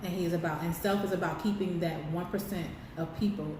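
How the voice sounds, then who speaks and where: A woman's voice: lowish voice, fairly even intonation, fast, a little mellow, distant mic. A woman co-hosting an impassioned political discussion, speaking emphatically and firing rhetorical questions at her listeners. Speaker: co-host. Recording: very echoey room, voice off-mic, faint noise.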